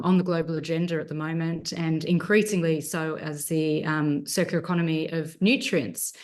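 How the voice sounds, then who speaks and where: A woman with an Australian accent speaks from home over a video call. Her voice sits low, and her delivery is earnest and dotted with "um" fillers as she works through a research talk. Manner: earnest, many 'um' fillers. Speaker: research presenter. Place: home at night.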